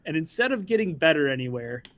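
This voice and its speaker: A man's voice: fairly high pitch, very animated, quick pace, a bit bright. A man co-hosting a casual sports podcast, joking and rambling as he talks.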